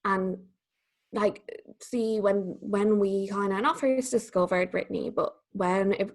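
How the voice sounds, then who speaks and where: A woman's voice: mid-range voice, steady tone, slow. A young woman in her twenties co-hosting a podcast, chatting casually and swearing freely. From Ireland. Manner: chatty, swearing, laughing often. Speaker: podcast co-host. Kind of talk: casual chat.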